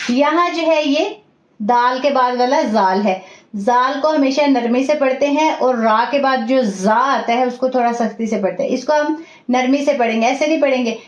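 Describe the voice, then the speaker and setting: A woman teaching an online class, reciting each sound slowly and carefully. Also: high voice. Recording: echoey dull room audio.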